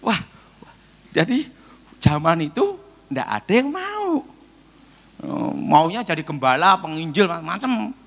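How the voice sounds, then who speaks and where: A middle-aged man, preaching a sermon as a pastor and telling stories with joking asides and sudden loud bursts. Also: a little high, big pitch swings, a little slow, gravelly, long pauses.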